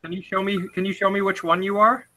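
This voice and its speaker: A man playing a tabletop game over a video call that keeps cutting out; he talks in a hesitant, polite, halting way. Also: high voice, flat delivery, pushed and bright. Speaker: player. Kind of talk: casual tabletop game play.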